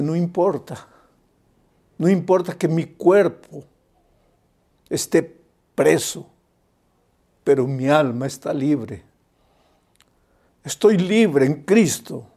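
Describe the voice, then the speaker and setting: A male preacher delivers an evangelistic sermon in a mellow, dark voice with a gravelly edge. He builds to loud, emphatic appeals and then drops to a hushed tone to tell his story. It sounds like an earnest call from the pulpit. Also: medium pitch.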